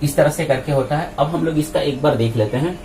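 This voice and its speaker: A male teacher giving a grammar lesson, spelling out sounds one at a time in a slow, deliberate way. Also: fairly high pitch, darkish tone, a little hiss or hum, poor audio. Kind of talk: grammar lesson explaining on a board.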